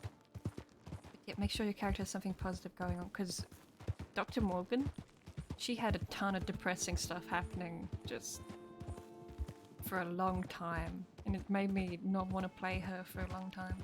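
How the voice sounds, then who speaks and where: A woman's voice: lowish voice, flat delivery, normal speed, pauses often. Chatty woman streamer over game music. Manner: chatty, rambling, swears casually. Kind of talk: casual chat while playing a role-play game. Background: game music and horse hooves.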